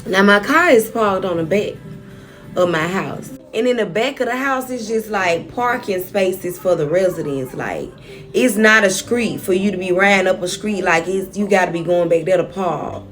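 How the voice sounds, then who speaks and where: A woman's voice: medium pitch, moderate pace, a bit bright, soft background music. A young woman vlogger telling a personal story straight to her viewers, frank and often profane.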